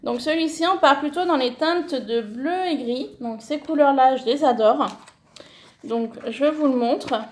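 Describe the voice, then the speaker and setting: Bright, high-pitched woman vlogger, chatty and gushing, self-correcting, relaxed at-home haul. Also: measured pace, roomy sound. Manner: enthusiastic, many fillers, self-correcting. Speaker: scrapbooking vlogger. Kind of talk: casual haul vlog, showing paper.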